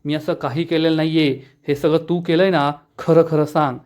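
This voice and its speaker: A man's voice: on the high side, steady tone, normal speed, a little mellow, natural voice. A man reading the lines of a stern, angry young man who scolds.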